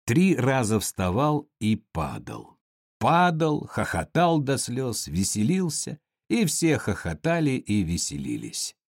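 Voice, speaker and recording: Slow, expressive male audiobook narrator. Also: mid-range voice, slightly rough, no room sound, clean studio sound. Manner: expressive, measured storytelling.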